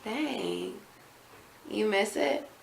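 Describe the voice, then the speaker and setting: A woman conducting a casual interview. She asks short, probing follow-up questions in a relaxed, gently teasing way. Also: mid-range voice, drawn-out words, vocal fry. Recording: echoey room with faint background noise.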